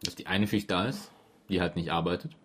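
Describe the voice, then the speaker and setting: A man's voice: low voice, a little fast, fairly bright tone, slightly rough. A man co-hosting a casual podcast chat, eager and given to stumbling repeats. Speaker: podcast co-host. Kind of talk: casual chat reviewing a radio play.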